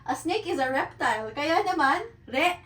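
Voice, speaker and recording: A woman's voice: high voice, expressive, a little slow, a bit bright, echoey room, distant mic, rough recording. A woman teaching a beginner lesson in Tagalog mixed with English, patient and repetitive, often checking in with her learners. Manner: patient, repeats and checks with "okay?". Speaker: Japanese teacher.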